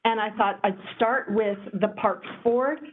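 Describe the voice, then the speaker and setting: A woman informally leading a meeting as chair, with a halting delivery full of pauses. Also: on the high side. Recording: tinny, phone-like audio with faint noise.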